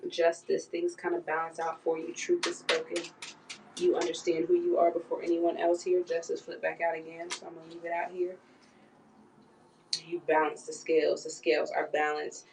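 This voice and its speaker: Low, even-voiced woman reading tarot. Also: moderate pace, a little hiss or hum, rough recording. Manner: speaks for the cards' figures in quoted asides. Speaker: tarot reader.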